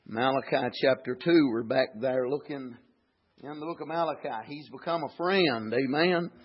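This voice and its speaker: A man's voice: mid-range voice, moderate pace, husky, lo-fi sound. A man preaching a sermon in an old-time cadence, dropping frequent amens. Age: 40s. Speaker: pastor.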